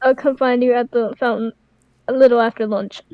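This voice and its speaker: A woman's voice: fairly high pitch, fairly quick, no echo, lo-fi sound, lightly acted. Woman doing a joking kindly grandma. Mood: teasing. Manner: calm, warm-hearted advice with crude jokes. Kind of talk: improvised game voice-over.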